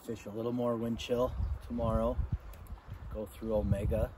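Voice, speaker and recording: A man's voice: lowish voice, little pitch movement, normal speed, background noise. A man on a canoe trip, adding brief offhand remarks in casual chat. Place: outdoors in the woods.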